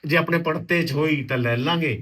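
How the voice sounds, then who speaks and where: Guy doing a proud offended father-in-law, quick, bright, a bit high. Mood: firm, offended. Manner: firm, offended, reasoning. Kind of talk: rural village drama acting.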